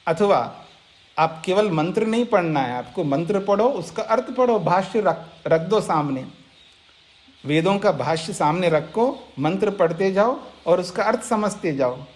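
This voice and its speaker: A man's voice: sits high, animated, unhurried. A man, a monk, giving an explanatory scripture lecture, speaking directly to listeners and repeating key points. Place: ashram lecture setting.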